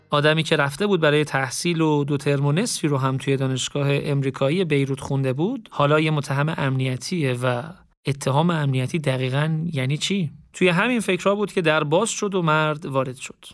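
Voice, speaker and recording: A man reading a story aloud in a calm, reflective, casual spoken style. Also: fairly high pitch, no echo. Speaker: narrator. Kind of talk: audiobook story narration with reflective asides.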